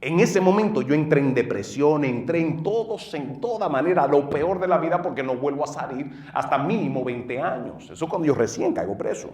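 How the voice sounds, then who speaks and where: A middle-aged man with a Dominican accent, a pastor telling his personal testimony in an earnest way, going from loud bursts to low murmurs. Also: lively intonation, moderate pace, hardly any pauses. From northeastern United States. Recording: roomy sound from a distant mic.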